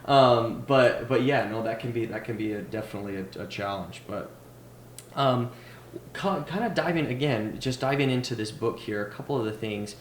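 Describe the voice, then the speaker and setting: A man hosting a casual podcast interview, restarting his sentences often and quick to agree. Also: medium pitch. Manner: stammering restarts, quick affirmations. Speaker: podcast host. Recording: roomy, with clear noise.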